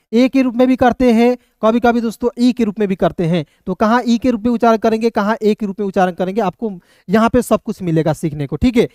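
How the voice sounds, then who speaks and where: A man teaching an English phonics class, spelling out letters slowly and calling his viewers "friends" over and over. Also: extremely high pitch, darkish tone, clear, resonant tone, no room sound, clean studio sound. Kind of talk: classroom lesson.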